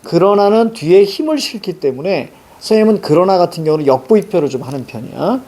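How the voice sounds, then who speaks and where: A man's voice: sits high, lively intonation, fast, dark tone. A middle-aged male teacher explains a story to students, marking up the text and asking rhetorical questions. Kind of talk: literature lecture.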